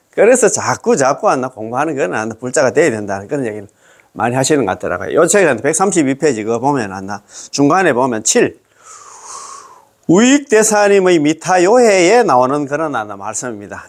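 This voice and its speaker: A man with a Gyeongsang accent giving a chatty Buddhist dharma lecture, exclaiming and laughing often as he explains a sutra. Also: on the high side. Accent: Gyeongsang Korean.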